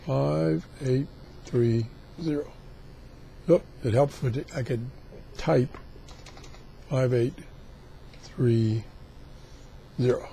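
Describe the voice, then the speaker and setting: A man casually demonstrating radio scanning, haltingly thinking aloud as he goes. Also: mid-range voice, vocal fry, warm tone, slight background noise, rough recording. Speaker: radio hobbyist host.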